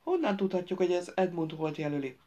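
A woman reads an audiobook part for a whiny, indignant young troublemaker who grumbles and levels accusations at the others. Lightly acted, her lowish, mellow voice has lively intonation, though the recording sounds muffled.

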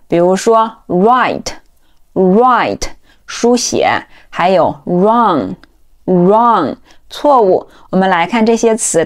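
A woman teaching English vocabulary, who explains step by step and says each word slowly several times over. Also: lowish voice, a little mellow. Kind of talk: vocabulary lesson.

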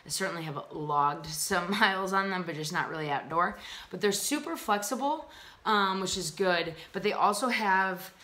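Her voice fairly low and sharp, a young American woman vlogs a chatty, upbeat review of hiking gear, dropping plenty of ums. She records at a table in a small room indoors using her laptop's camera microphone.

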